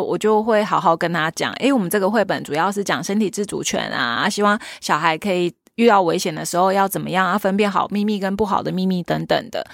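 Creaky-voiced Taiwanese woman guest. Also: mid-range voice, no echo, studio quality. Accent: Taiwanese Mandarin. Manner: chatty, animated retelling with quoted dialogue. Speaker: guest, leader of a children's theater troupe. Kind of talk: casual interview talk, storytelling.

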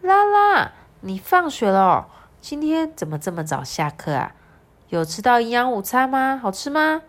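A woman's voice: on the high side, big pitch swings, moderate pace, voice pushed up. A woman voicing a caring dinosaur mother in a storybook, coaxing and worried. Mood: cheery.

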